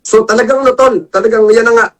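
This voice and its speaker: A man casually telling a long story about his work as a jail investigator, animated and punctuating nearly every phrase with a friendly tag word. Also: extremely high pitch, fast talker, recorded from a distance. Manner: animated, peppers speech with "tol, no?". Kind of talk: casual storytelling in a talk show.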